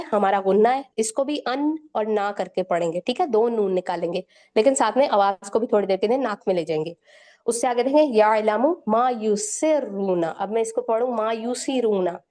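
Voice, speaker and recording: A woman teaching Quran recitation rules, patiently spelling out letters and repeating each word slowly, often checking in with her students. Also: fairly high pitch, mellow. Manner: frequent checking "theek hai". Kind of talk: step-by-step recitation lesson.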